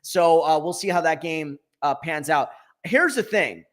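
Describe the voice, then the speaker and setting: Sports co-host, a man with a fairly high voice, rambling and self-correcting picks. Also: lively intonation, a little slow, fairly bright tone. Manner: thinks aloud, self-correcting. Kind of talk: casual sports talk.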